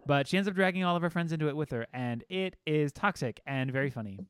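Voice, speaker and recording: A man co-hosts a podcast, chatting casually and rambling with plenty of fillers and swearing. His voice is fairly high and quick, with a smooth quality and no echo.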